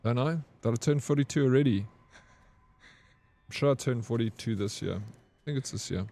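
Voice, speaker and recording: A man's voice: medium pitch, moderate pace, dark tone. A man in his forties chatting casually with his live-stream chat, joking and answering comments. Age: 40s. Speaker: game streamer.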